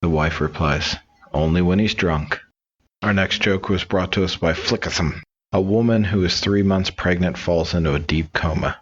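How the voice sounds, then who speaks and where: Low husky man reading jokes. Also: moderate pace, muffled recording. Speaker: joke reader.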